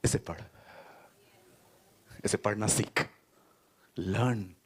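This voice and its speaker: The voice of God as told in a sermon: a calm, patient male presence that speaks slowly, low and soft. A male preacher puts him on. His tone is gentle and instructing. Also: slightly rough, heavily acted.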